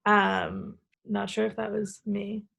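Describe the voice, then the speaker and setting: A woman's voice: medium pitch, little pitch movement, takes it slowly, vocal fry, fairly bright tone. A woman in her twenties from the United States introducing herself on a video call, hesitant and full of filler words. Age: 20s. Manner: hesitant, lots of ums and likes. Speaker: artist speaker. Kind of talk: casual self-introduction.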